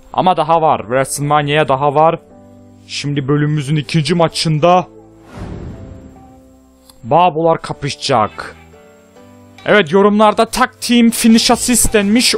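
High-voiced man shouting over a wrestling game. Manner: trash-talks the opponent, shouts and counts pins. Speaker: gaming channel host. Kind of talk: excited live gameplay commentary.

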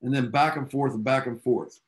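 A man's voice: mid-range voice, moderate pace. A male physics teacher lectures his class with a mid-range voice. He tells science history in an eager, chatty way, tossing in casual asides as he goes. The sound suggests a classroom. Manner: enthusiastic storytelling, casual asides.

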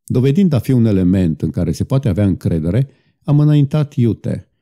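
A man's voice: lowish voice, lively intonation, dark tone, lightly acted. A man voicing a proud, bitter young guard officer who talks sadly and defensively in an audiobook. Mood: recounting.

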